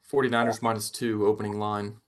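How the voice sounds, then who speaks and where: A male co-host analyzes football in casual conversation. His voice is on the low side and his delivery is blunt and opinionated. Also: level tone, a little fast. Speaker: sports show co-host.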